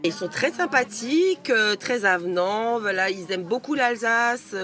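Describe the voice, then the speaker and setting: A woman's voice: a little high, lively intonation, unhurried, a bit bright. A woman stallholder giving a spontaneous interview answer, with hesitant, repetitive phrasing. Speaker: market stallholder.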